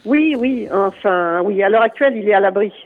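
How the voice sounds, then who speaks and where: A man from Lyon speaking as a guest on a radio show over a phone line, halting and full of fillers. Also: high-pitched. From Lyon area, France. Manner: hesitant, halting, many fillers and restarts. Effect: heard over a phone line.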